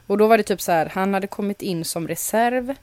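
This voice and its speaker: Young woman, podcast co-host, casual animated storytelling, filler-heavy, remote home recording, dry close sound. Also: mid-range voice, dry recording. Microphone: home mic, remote recording.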